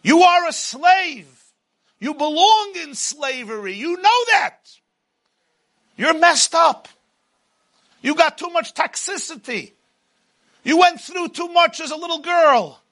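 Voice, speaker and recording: A man voicing a domineering, taunting Pharaoh as an inner oppressor, in a booming motivational-speech delivery within a sermon. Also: animated, slow pace, pauses often, bright, forceful tone, exaggerated voice. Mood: accusing, contemptuous.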